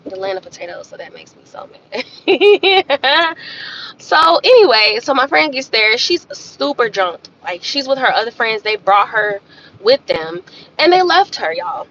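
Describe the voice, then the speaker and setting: A high-voiced woman hosts a livestream, telling a story with sass and calling her viewers y'all. Her pitch swings widely as she talks. The audio sounds a little dull and lo-fi. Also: moderate pace, slight background noise. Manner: animated, sassy, addresses viewers as y'all. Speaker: livestream host. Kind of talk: casual storytelling chat.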